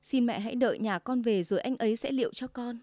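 A woman voicing a gentle, frightened young wife who pleads in a timid, tearful way, in a storybook tale. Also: a little high, fast talker, no room sound, studio quality, lightly acted.

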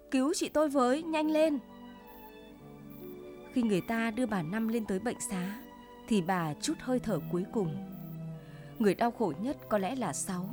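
A woman narrating a short story for a radio broadcast in a steady storytelling manner. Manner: steady storytelling, voices dialogue with raised pitch. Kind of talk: scripted narration.

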